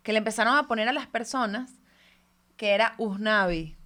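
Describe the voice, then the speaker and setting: A Venezuelan-accented woman co-hosts a casual podcast and tells anecdotes with lively energy, laughing as she goes. Her voice sits a little above the usual pitch. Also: normal speed. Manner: animated storyteller, laughs often. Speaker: podcast co-host. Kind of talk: casual chat. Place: live podcast recording.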